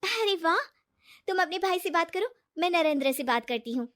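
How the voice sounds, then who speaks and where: A woman's voice: very high-pitched, expressive, moderate pace, a bit bright, voice pushed up. A woman doing a trusting, eager young woman. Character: trusting young woman office worker, naive.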